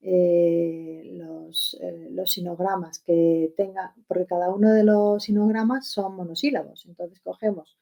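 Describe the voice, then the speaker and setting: A woman gives an online language lesson through a computer mic. Her voice sits slightly low, and her explanations run on in a friendly, unhurried rhythm full of fillers and rhetorical questions. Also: little pitch movement, vocal fry, warm tone. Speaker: Chinese language teacher. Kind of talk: webinar lesson.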